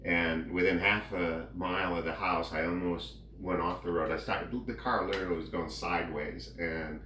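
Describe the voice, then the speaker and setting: Low-voiced man chatting casually, roomy sound. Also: level tone, moderate pace, bright, forceful tone. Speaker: vlogger giving a personal health update. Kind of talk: casual chat. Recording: roomy, distant mic, faint background noise.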